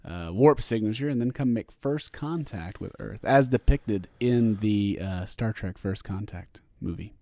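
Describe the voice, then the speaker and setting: A man co-hosting a podcast, chatting casually about movies in an animated, goofy way. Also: lowish voice, measured pace, hardly any pauses, no echo, studio quality. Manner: animated, goofy, sings and does voices. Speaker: podcast co-host.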